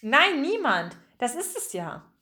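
A jittery woman shop helper, as a woman reader puts her on in a children's audiobook. Her voice is high, shaky and a little shrill. She sounds nervous and eager to be believed. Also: very animated, slow, pushed and bright, exaggerated voice. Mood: pleading.

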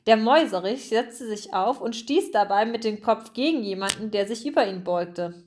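A woman narrating a children's storybook chapter in a clear, even reading voice. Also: fairly high pitch, moderate pace. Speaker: audiobook narrator.

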